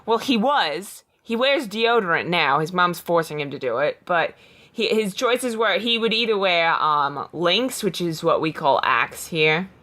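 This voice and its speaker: This is a woman with a voice a little lower than most. She hosts a podcast, chatting in a loose, giggly way and reading a gamebook aloud informally. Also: animated, measured pace, sharp tone. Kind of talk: casual chat and storybook read-aloud.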